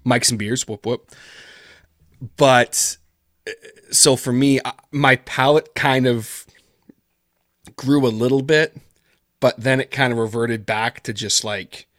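A man's voice: medium pitch, steady tone, slow pace, long pauses, a bit bright, no room sound, clean studio sound. A man guest chatting casually in an interview, rambling with lots of fillers. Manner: rambling, heavy on fillers like "like" and "kinda". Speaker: podcast guest, horror story writer. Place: based in Canada.

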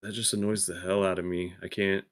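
A man's voice: deep voice, level tone, a little fast. A man co-hosting a podcast, talking casually in a laid-back, easygoing manner. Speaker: podcast co-host. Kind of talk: casual chat.

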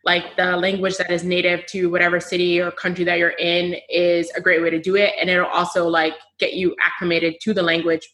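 Young American woman, podcast host, bright tone, chatty, lots of fillers. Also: lowish voice, completely flat delivery, fairly quick, few pauses. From United States. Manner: chatty, laughs often, fillers. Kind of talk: casual chat.

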